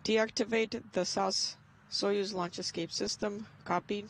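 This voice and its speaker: A man's voice: high voice, steady tone, unhurried, fairly bright tone. A man working as a launch control operator, speaking in clipped procedural phrases over a radio. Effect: radio transmission. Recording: noisy crackling radio link.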